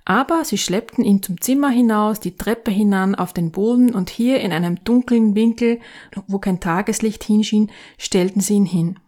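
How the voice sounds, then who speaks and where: Calm woman reading a fairy tale. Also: mid-range voice, normal speed. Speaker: narrator.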